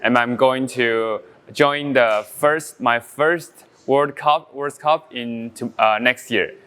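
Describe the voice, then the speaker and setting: Clear and resonant, with a clean mid-pitched tone, this Taiwanese male barista is a coffee brewing champion walking through a casual demonstration step by step. He speaks halting non-native English in a relaxed way, full of pauses and fillers.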